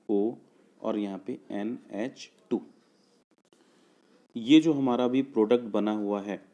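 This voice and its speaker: A man's voice: lowish voice, dark tone. A man teaching a chemistry lesson for exam students, explaining step by step and asking and answering his own questions. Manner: checks understanding with "clear?" and "okay"; slows down to spell out formulas piece by piece.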